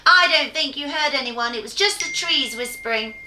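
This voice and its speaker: A woman voicing a boastful goblin guard who talks loud and mocking in a storybook reading, in an echoey room. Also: high-pitched, expressive, normal speed, a little hiss or hum, pitched above the performer's own voice, heavily acted. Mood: scornful.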